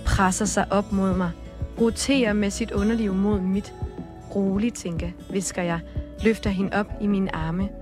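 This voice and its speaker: A woman co-hosting a podcast, reading a story aloud at a steady, measured pace and chatting casually, with music underneath. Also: mid-range voice. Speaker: podcast co-host and journalist. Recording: background music bed.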